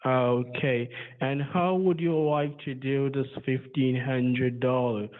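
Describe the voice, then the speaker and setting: Slow Jamaican man on a landline phone. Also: steady tone, a little hiss or hum. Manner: slow, deliberate salesman pitch. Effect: over a landline phone. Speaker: scam caller. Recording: tinny phone line.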